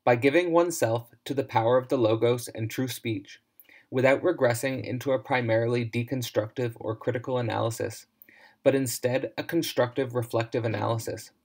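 Guy reading a scripted lecture, measured and formal, mid pitch. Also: a little mellow.

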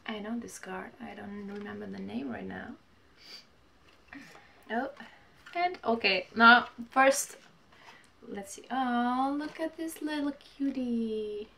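A woman in her twenties chatting casually while opening mail at home, gushing and reading letters aloud haltingly. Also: fairly high pitch, expressive, vocal fry, pushed and bright, slight background noise. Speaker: vlogger. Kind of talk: casual unboxing chat. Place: small home room, indoors.

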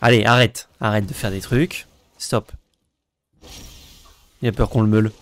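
A man's voice: fairly low pitch, fairly even intonation, unhurried. Joking man playing a card game. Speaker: co-host, player. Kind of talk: casual gaming chat.

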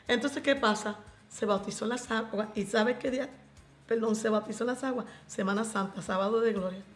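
A Puerto Rican woman giving a lively faith testimony as a radio guest, acting out the voices in her story and slipping into English. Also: on the high side, a little fast, roomy sound, soft background music. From Puerto Rico. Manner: animated storyteller, acts out quoted voices, mixes in English.

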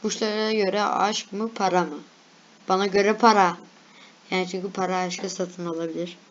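A woman's voice: medium pitch, flat delivery, normal speed, muffled recording. A young woman casually reading and reacting to lists aloud, chatty and laughing at herself. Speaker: vlogger.

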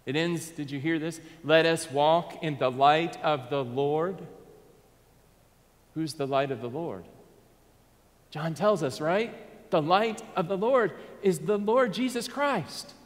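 A man in his thirties with a Southern US accent, preaching a sermon from the pulpit of a church sanctuary, earnest and dropping to a soft hush on key words. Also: on the high side, takes it slowly. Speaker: pastor. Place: church sanctuary, in front of a Christmas tree. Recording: long hall reverb.

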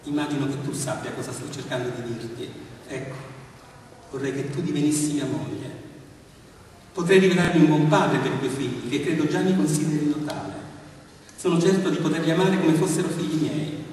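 A man reads as a gentle miller who pleads earnestly and tenderly, his voice a little high. The sound carries a long, roomy echo from a large hall, picked up from a distance. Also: fairly quick, a little hiss or hum, close to an everyday voice. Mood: pleading. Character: gentle middle-aged miller, tender suitor. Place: large hall of a villa's lemon house. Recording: echoey hall, far from mic.

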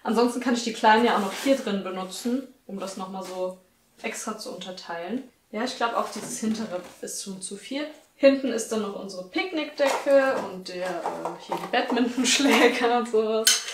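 A woman's voice: mid-range voice, normal speed, a little hiss or hum. A young woman in her twenties talks casually to the camera in a lifestyle vlog. She sounds chatty and upbeat as she lists her chores in a small apartment. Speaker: lifestyle vlogger. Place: small bright apartment room, indoors.

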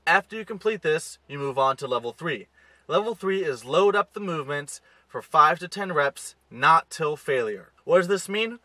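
A young man in his twenties talks straight to the camera from the driver's seat of a car, laying out gym steps in a steady, instructive way. His voice is bright and forceful, a little higher than most men's, and sounds close and dry. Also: moderate pace, no echo, low-quality recording. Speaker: fitness coach. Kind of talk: direct-to-camera fitness tips. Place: inside a parked car. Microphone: camera close to the face.

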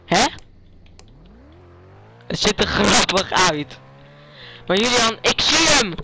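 A male vlogger giving live gaming commentary, making urgent, hurried calls to a teammate. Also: sits high, very animated, vocal fry, bright, forceful tone, a little hiss or hum, rough recording.

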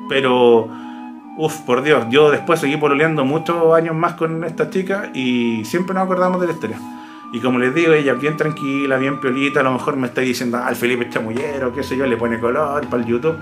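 Animated Chilean man telling a story. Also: medium pitch, a little fast, music in the background. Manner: animated, imitates barks and hoofbeats, slangy. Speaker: YouTuber telling ghost stories. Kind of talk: casual storytelling.

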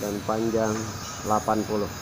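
A man's voice: lowish voice, monotone, moderate pace. A man who runs a metal workshop, casually narrating his footage and explaining measurements step by step. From Indonesia. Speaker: workshop owner showing his work. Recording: loud background noise.

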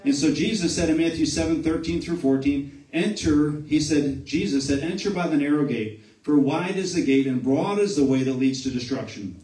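A man's voice: fairly high pitch, moderate pace, few pauses. A man preaching a sermon and calling people forward, often adding "amen" and restarting phrases. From Buffalo, New York area, US. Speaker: pastor. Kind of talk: sermon with altar call. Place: church sanctuary. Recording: echoey church room, distant mic, soft music.

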